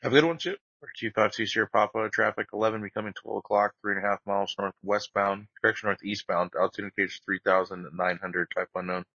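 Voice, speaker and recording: A man's voice: lowish voice, steady tone, quick pace, vocal fry, hardly any pauses, pushed and bright, no room sound. A man giving clipped, procedural air traffic control instructions over radio in a flight simulation. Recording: dry, dull band-limited radio audio.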